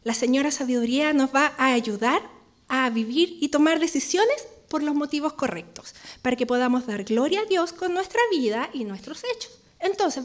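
A woman teaching a Bible study in a conversational way, often checking in with her listeners. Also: high voice.

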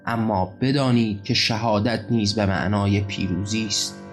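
A man's voice: lowish voice, fairly even intonation, soft background music, close to an everyday voice. A man voicing a fervent young preacher-leader.

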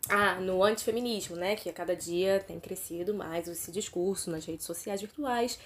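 A woman in her thirties from Brazil, with a Rio de Janeiro state accent, hosting a solo podcast in an animated, emphatic way and speaking straight to her listeners. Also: fairly low pitch, normal speed. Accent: Brazilian Portuguese, Rio de Janeiro state. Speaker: podcast host and teacher.

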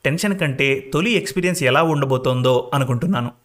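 Guy doing a chill confident young dude, casual, mid pitch. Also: fast, fairly bright tone, close to an everyday voice. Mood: calm. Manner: easygoing, casual with English words. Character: calm, self-assured young man candidate.

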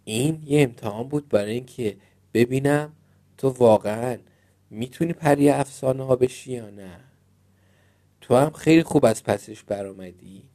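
A man voicing the wise, calm head of a fairy school in a storybook reading, speaking in a measured way. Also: medium pitch, natural voice. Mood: approving.

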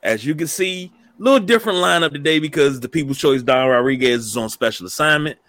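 A man's voice: on the high side, quick pace, fairly bright tone, no echo. A man hosting a wrestling talk show, announcing his introductions like a ringmaster. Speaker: show host.

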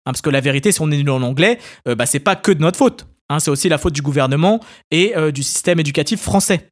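Fast-talking sarcastic French host. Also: male voice, fairly high pitch. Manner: sarcastic, rapid, peppered with hein and tu vois. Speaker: podcast host. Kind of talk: scripted comedy monologue.

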